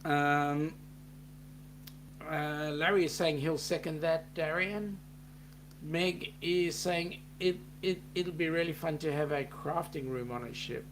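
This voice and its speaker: A man's voice: on the high side, takes it slowly, a little hiss or hum. A man with a New Zealand accent co-hosting a casual live chat, reading out viewer comments with plenty of ums. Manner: relaxed, reads out chat messages with filler ums.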